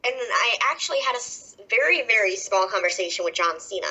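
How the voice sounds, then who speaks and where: A woman's voice: medium pitch, lively intonation, quick pace, bright, forceful tone, husky. A woman in her twenties with a Southern US accent, a wrestler talking emotionally on a casual podcast interview, laughing often. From American South. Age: 20s. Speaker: wrestler guest. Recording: dull lo-fi podcast audio.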